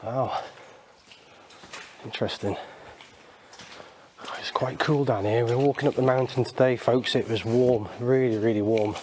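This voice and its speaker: A man's voice: medium pitch, fairly even intonation, a little slow, pauses often, a little mellow, a little hiss or hum. A man filming himself in a slate mine, chatting casually with viewers and sometimes out of breath. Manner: chatty, laughs often, addresses viewers as folks. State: out of breath at times. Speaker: channel host filming underground. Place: inside a large slate mine. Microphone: handheld camera mic.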